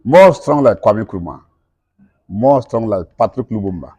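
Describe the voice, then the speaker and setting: Lowish, mellow and edged with breath, this middle-aged man's voice stays animated but unhurried as he answers an interviewer in passionate, non-native broken English, circling back to repeat himself. The recording is dry and muffled.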